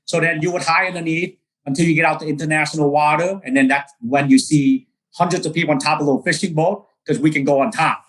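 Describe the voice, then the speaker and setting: A man's voice: on the high side, fast, low-quality recording. A man from Vietnam, a real estate broker telling his story in a casual interview, earnest, with many fillers and restarts.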